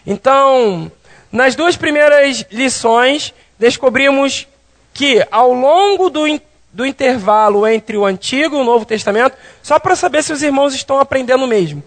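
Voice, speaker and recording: Guy teaching bible class, really high voice, chatty, keeps asking the class stuff. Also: moderate pace, a bit bright. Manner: conversational, asks the class questions.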